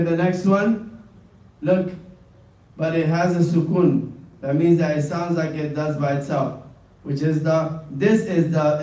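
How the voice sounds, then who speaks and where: A man teaching an Arabic pronunciation class, speaking unhurriedly and repeating each word over and over. His voice is fairly high for a man. It is recorded from across a roomy classroom, so it sounds distant and echoey. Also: a little mellow. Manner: drills words slowly, repeating them. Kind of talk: classroom lesson.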